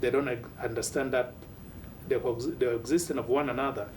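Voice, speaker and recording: A man, speaking earnestly and in a measured way in a documentary interview. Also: steady tone. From South Sudan. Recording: distant mic with faint low rumble.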